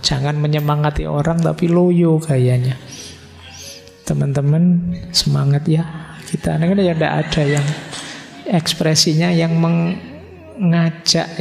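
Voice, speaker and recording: A man's voice: fairly high pitch, creaky. A middle-aged man giving a casual, teasing philosophy lecture, recorded in a large hall. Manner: casual, teasing, mixes in Javanese words. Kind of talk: live lecture. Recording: lecture hall with long reverb, faint music.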